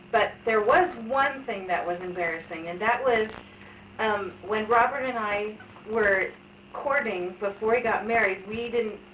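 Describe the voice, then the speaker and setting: A woman in her thirties tells candid, funny stories about her life in a casual family interview, chatty and quick to poke fun at herself. Her fairly high, somewhat bright voice comes from a distant, off-mic position in an echoey room with light hiss.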